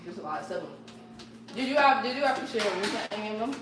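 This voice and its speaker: A woman's voice: medium pitch, animated, very fast. A young woman co-hosting a casual family livestream, asking questions and laughing often while she eats. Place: home kitchen. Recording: very echoey, distant, loud background noise.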